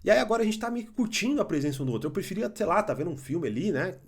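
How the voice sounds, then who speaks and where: A young adult Brazilian man giving blunt, animated opinion commentary, swearing and mocking others. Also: high voice, racing, vocal fry, slightly rough. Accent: Brazilian Portuguese.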